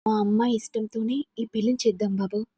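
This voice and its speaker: A woman voicing a gentle caring father. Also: fairly high pitch, steady tone, fast, breathy edge, no echo. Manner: gentle, kindly.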